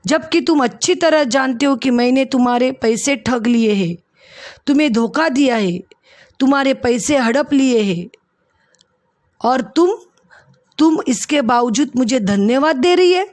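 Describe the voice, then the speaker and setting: A woman's voice: fairly high pitch, expressive, slow, dry recording, studio quality. A woman voicing a stern, stingy male householder who questions and scolds sharply as he settles wages. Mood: angry.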